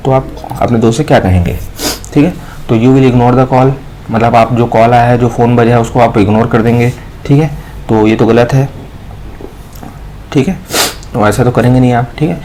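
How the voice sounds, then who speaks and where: An Indian man teaching, who goes through exam questions, reads each English question out slowly and explains it with many repeated fillers. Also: medium pitch, dark tone, slight background noise, poor audio. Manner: repeats each point and adds a filler after nearly every line. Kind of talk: exam question walkthrough lesson.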